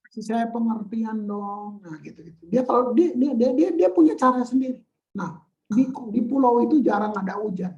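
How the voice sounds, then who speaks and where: A male pastor preaching a lively sermon in casual style slang, acting out people's prayers in playful voices. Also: very high voice, brisk, lo-fi sound. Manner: animated, slangy, acts out prayers in funny voices.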